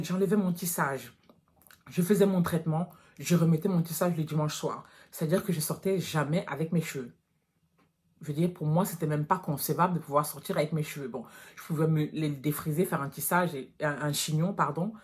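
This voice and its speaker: A woman's voice: sits low, normal speed, a little mellow. A woman in her thirties from France, talking to her viewers in a casual vlog, frank and direct, calling them girls. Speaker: natural hair vlogger.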